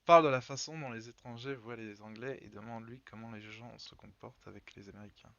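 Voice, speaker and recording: A man's voice: lowish voice, fairly even intonation, fast talker, a bit bright. A man hosting a let's play, joking, laughing and thinking aloud as he picks choices. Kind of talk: casual gameplay commentary. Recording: dull lo-fi sound.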